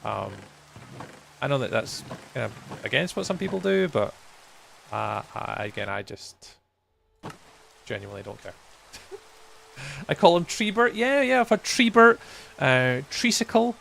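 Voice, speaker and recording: Fairly high-pitched, sing-song and creaky, this Scottish gaming livestreamer in his forties speaks at a measured pace with frequent pauses and a fairly bright tone. He rambles good-humouredly with live viewers as he plays, full of ums and chuckles, over slight background noise.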